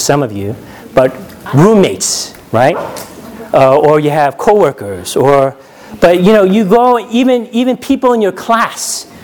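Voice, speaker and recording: This high-pitched male voice with a darkish tone belongs to a New Yorker giving a chatty, conversational sermon. He frequently checks in with "right?" and laughs at the stories he tells.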